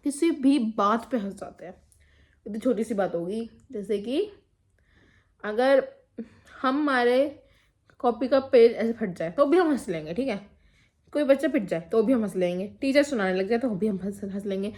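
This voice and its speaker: Teen girl vlogging, chatty and giggly, kinda high voice, rambles a lot. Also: expressive, normal speed, a little mellow. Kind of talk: casual storytelling vlog.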